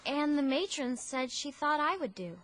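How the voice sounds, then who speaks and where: A woman's voice: high-pitched, expressive, moderate pace. A woman playing Anne Shirley, an effusive orphan girl. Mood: earnest. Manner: breathless, effusive, theatrical. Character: talkative imaginative orphan girl, dramatic, romantic. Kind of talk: audio drama acting.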